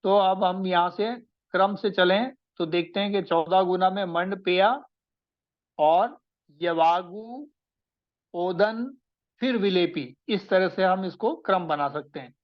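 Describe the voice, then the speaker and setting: A man giving a slow classroom lecture, repeating and recapping each point so students can take notes. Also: sits high, lo-fi sound. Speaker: Ayurveda teacher.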